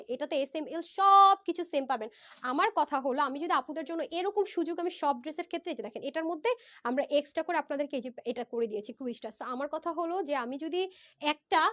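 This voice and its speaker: Hoarse, high-voiced woman selling on a phone live. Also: a bit bright. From Bangladesh. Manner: fast, persuasive, mixes in English words. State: hoarse from a fever. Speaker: online clothing seller. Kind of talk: live-stream sales pitch. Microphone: phone livestream.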